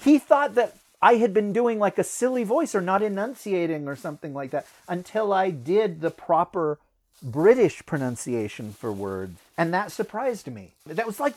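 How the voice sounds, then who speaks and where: American narrator, animated storytelling, pitch swinging high and low, casual podcast. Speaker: audiobook narrator.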